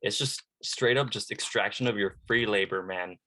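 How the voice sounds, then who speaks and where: A man with a lowish, bright and forceful voice chats casually. He hedges with lots of "like" and "you know" and drops slang freely. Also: normal speed. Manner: loose, slangy, hedging with many fillers. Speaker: former church member, podcast guest. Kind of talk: casual podcast chat.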